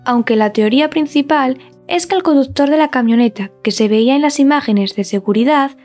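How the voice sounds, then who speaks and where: Female narrator for scripted true-crime stories, notably high voice, music underneath. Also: a little fast, a little mellow.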